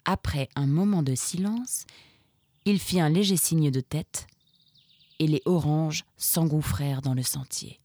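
A woman narrating an adventure story in a steady, vivid reading voice. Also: low voice, unhurried, no room sound.

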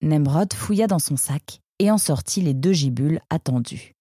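A woman narrating a children's audiobook in a gentle storytelling manner. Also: deep voice, animated, normal speed, breathy edge, no room sound, studio quality.

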